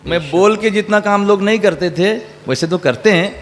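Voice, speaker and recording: High-voiced man teaching in an echoey hall. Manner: asks the audience questions and drills answers back. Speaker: Quran teacher. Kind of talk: religious lesson to children, mixing in English. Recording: echoey hall with faint hum.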